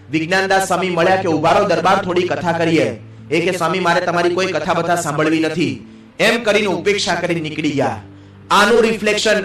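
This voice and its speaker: Male monk preacher, storytelling sermon, quick narration with short character voices, echoey hall. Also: a bit bright. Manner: quick narration, briefly voicing characters in lower tones. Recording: echoey hall, distant mic.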